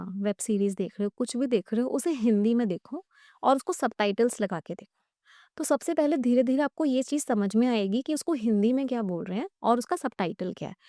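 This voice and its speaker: A woman English teacher speaks in a podcast interview, laying out her advice step by step and spelling hard words out letter by letter. Her voice sits a little high. The recording is close and dry, with no room sound. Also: darkish tone, no echo.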